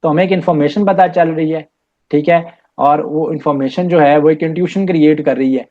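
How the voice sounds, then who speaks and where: A man teaches an entry-test English lesson, moving between Hindi-Urdu and English as he explains. His voice sits a little high. The recording is dull and lo-fi. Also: steady tone. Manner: reads English passages slowly. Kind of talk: recorded lecture. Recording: dull lo-fi audio.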